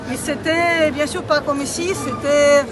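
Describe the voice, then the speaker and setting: A woman's voice: high voice, fairly even intonation, a little slow, over music, rough recording. A woman from Russia with a foreign Russian accent, speaking hesitant non-native French as she searches for words in a street interview. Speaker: interviewee at a commemorative march. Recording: loud street crowd behind.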